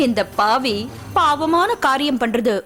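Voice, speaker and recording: A taunting brothel madam. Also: female voice, high-pitched, lively intonation, extremely slow, full character voice. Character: scheming brothel madam, mocking and bold. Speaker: brothel keeper. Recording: film soundtrack with loud music.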